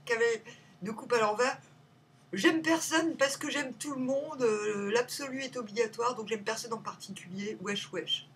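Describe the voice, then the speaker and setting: Woman, playful tarot-reading vlogger at home; rambles, swings loud to muttered; mic a bit distant, faint room hum. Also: fairly high pitch, moderate pace. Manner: rambling and playful, jumping between loud remarks and muttered asides. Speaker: tarot reader. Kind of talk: casual tarot reading vlog.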